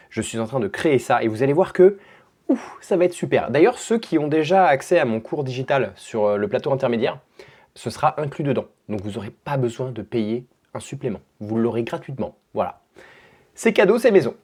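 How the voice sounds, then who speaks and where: A young French vlogger and language teacher chats casually to his camera at home in a home vlog, with restarts and fillers. His voice is mid-range with a darkish tone.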